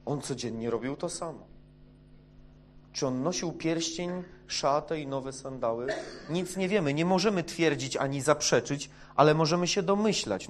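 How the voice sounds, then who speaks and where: A man preaching a sermon, hesitant with many fillers, dropping to a hush and then rising loud. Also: medium pitch, slight background noise.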